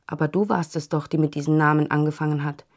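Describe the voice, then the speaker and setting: A woman reading the lines of a gentle, easily hurt man in an audiobook, in a soft, stubborn murmur. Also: sits low, steady tone, fast talker.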